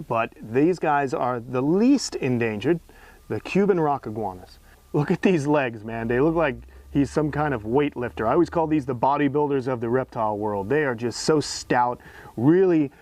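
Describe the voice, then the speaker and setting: Recorded dry, a man with a mid-range, slightly mellow voice presents an educational tour of animals outdoors, moving between enclosures. He's an enthusiastic host and keeper whose delivery is casual, emphatic and admiring.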